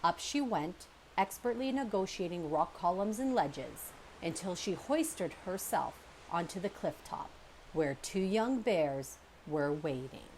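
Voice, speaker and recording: A woman narrating a children's book aloud in an expressive storytelling manner. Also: lowish voice, a little slow, slight background noise. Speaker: storybook reader.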